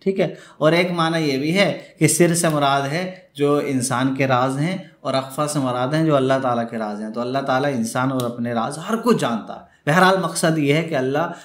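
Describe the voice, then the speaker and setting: A man's voice: mid-range voice, few pauses. Man teaching scripture in an echoey room. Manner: reads Arabic text then explains in Urdu, often checking "theek hai". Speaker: Quran commentary teacher. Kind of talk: classroom Quran exegesis lesson.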